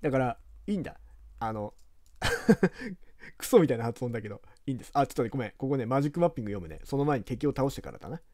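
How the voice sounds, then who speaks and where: A man from Japan talking casually over a video game he plays, rambling and chatty in rough, informal speech. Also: mid-range voice, sing-song, quick pace, darkish tone, no echo, studio quality. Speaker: game commentator. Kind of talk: casual let's-play commentary.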